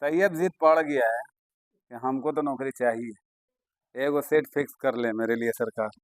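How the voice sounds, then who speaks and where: A man's voice: mid-range voice, moderate pace, no echo. A man teaching an Urdu vocabulary class, chatty and coaxing, often praising his students. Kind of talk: classroom lesson.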